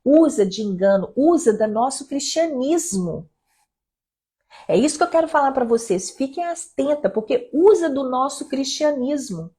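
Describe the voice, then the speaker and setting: Brazilian woman talking to moms about faith, bit husky, gets worked up and repeats herself. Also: high voice, moderate pace. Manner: animated, repeats phrases, quotes others in her voice. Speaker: church speaker to mothers. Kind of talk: informal testimony and exhortation. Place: her home.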